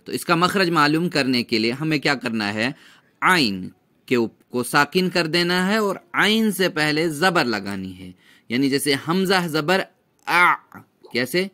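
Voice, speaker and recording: A man's voice: a little high, sing-song, sharp tone. Patient man teaching recitation sounds. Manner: patient, drawn-out demonstration of sounds. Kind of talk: tajweed lesson with repeat-after-me drills.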